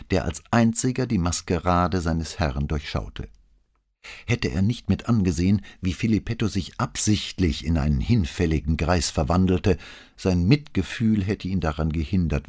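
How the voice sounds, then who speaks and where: A man reading a crime novel as an audiobook, calm and measured, acting out the dialogue. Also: low voice, husky. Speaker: audiobook narrator. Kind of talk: scripted narration of a crime novel.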